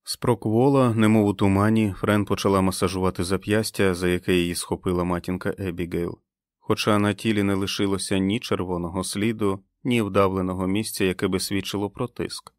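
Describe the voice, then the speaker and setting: A man reading a novel aloud as an audiobook narrator, in a measured, expressive way. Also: sits low, no echo, studio quality. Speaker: audiobook reader. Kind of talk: scripted narration.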